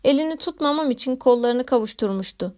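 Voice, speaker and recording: A woman reading a classic novel aloud in a measured, literary narration. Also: high voice, expressive, darkish tone. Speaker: audiobook narrator. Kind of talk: scripted narration.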